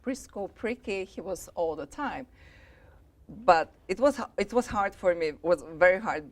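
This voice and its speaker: A middle-aged woman from Bulgaria, co-hosting a casual talk show and telling animated stories with frequent laughter. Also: medium pitch. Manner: animated storytelling, laughs often. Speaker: co-host. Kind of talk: casual chat.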